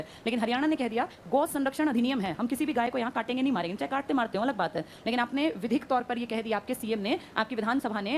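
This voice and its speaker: Brisk woman teacher, quick-fire quizzing, high-pitched and fast. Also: slight background noise. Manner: brisk, quizzing students and answering herself. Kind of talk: classroom lecture. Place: classroom.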